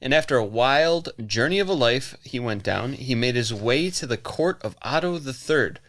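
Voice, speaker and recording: A man's voice: medium pitch, animated, moderate pace, a bit bright. Giggly male podcast storyteller. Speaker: podcast co-host. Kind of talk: casual chat.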